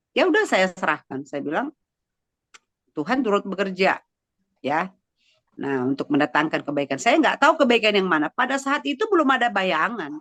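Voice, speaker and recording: A woman's voice: medium pitch, no room sound. A woman giving a heartfelt personal faith testimony to a congregation, talking conversationally with many fillers and sounding close to tears. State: emotional, near tears. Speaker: church testimony speaker.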